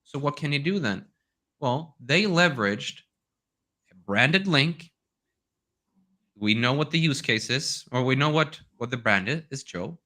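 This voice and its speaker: A Swedish man, a native speaker of Swedish, presents in a relaxed webinar style, weaving stories into his points. His voice is bright and forward, sitting at an ordinary middle pitch. He often ends thoughts with a quick "right?". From Sweden. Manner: conversational, tells anecdotes, tags questions with "right?". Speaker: guest speaker on domains.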